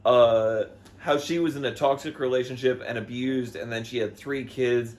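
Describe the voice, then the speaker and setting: A man hosting a casual comedy chat with an Australian accent, telling stories in a deadpan way and mimicking other people's voices. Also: medium pitch, normal speed. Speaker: podcast host.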